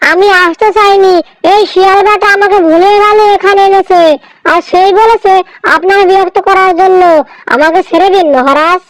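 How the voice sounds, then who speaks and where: A woman's voice: extremely high pitch, fairly bright tone, no echo, low-quality recording. A woman doing a naive, timid cartoon goat. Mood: pleading. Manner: trusting and easily frightened.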